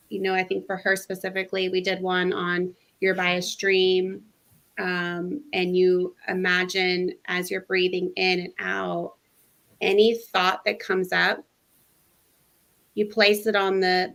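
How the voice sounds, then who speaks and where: Woman breathwork guide, animated and upbeat, chatty interview guest. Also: fairly low pitch, slow pace. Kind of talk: casual interview chat.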